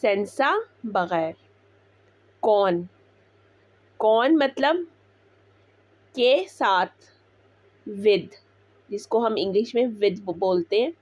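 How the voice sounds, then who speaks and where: A woman teaching Italian words, repeating each one slowly before explaining it. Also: mid-range voice, animated, dry recording. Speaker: language teacher. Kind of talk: slow Italian vocabulary lesson.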